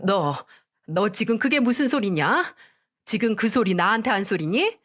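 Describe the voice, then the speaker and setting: A woman's voice: mid-range voice, very animated, moderate pace, fairly bright tone. A woman voicing a greedy, scolding older mother-in-law in a dramatized story reading. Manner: scolding, indignant.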